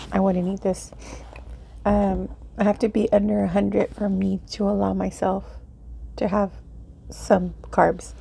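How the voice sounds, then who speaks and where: A woman hosting an eat-with-me video, chatting casually in an unhurried, halting way as she thinks aloud. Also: mid-range voice, creaky, warm tone, slightly rough. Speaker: mukbang video host. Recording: faint background noise.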